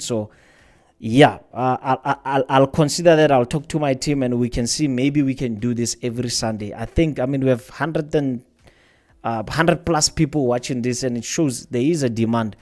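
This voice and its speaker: A man's voice: mid-range voice, darkish tone. A man hosting a trading livestream, talking casually and rambling, often repeating his words while answering viewers' questions. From South Africa.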